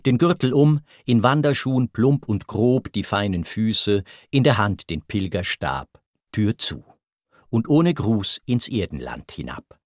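Man, narrator, verse poem, solemn, deliberate, very slow, dry. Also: lowish voice, very animated, dry recording.

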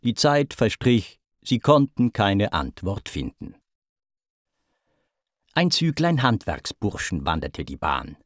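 A man narrating epic verse in a measured, theatrical recitation with swelling emphasis. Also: on the low side, sing-song, no room sound, clean studio sound. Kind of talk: dramatic reading of German epic verse.

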